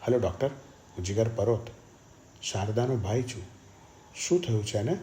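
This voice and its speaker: A steady, take-charge young brother, as a male narrator puts him on, speaking low and firm with a faint hiss behind. He presses his words with urgency. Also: normal speed, echoey room, close to an everyday voice. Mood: urgent. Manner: reassuring, then shouting in panic.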